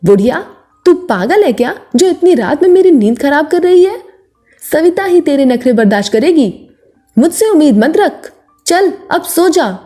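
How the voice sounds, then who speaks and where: A woman's voice: a little high, big pitch swings, unhurried, dark tone, soft background music. A woman voicing a spoiled, scornful rich young wife in a storybook, talking in a taunting, rude way. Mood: angry.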